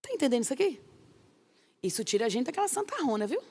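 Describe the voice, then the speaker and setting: A woman pastor, teaching a course in an emphatic, lively way with rhetorical questions. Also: high-pitched, quick pace, breathy edge.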